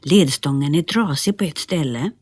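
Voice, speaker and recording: Name: Nisse. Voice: a woman doing a tiny eager pyssling, raised high. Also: darkish tone, breathy edge, dry recording, studio quality. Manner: eager, shy, bouncy. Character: tiny eager friendly boy-sized little person.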